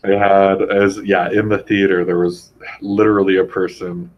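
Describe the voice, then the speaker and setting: A young man in casual chat, rambling and animated as he retells things, heavy on "like". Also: deep voice, moderate pace, dull audio.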